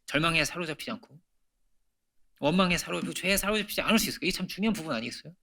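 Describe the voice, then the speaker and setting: A man in middle age preaches a Sunday sermon from a church pulpit. His voice is bright and forward, sitting a little high for a man. He keeps the tone conversational, throws rhetorical questions to the room, and moves between emphatic peaks and hushed near-whispers. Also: animated, racing, creaky. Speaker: pastor. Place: church sanctuary.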